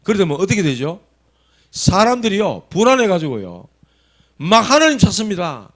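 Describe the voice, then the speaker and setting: A male pastor with a Gyeongsang accent preaching a sermon, telling stories animatedly and swinging between soft and loud. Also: sits high, big pitch swings, moderate pace. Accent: Gyeongsang dialect.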